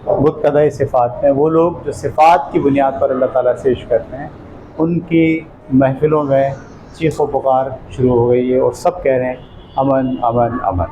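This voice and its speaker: In a classroom lecture, a man explains words one at a time and frequently checks that his listeners are keeping up. His mid-range voice is mellow and steady, though the poor audio has a little hiss or hum.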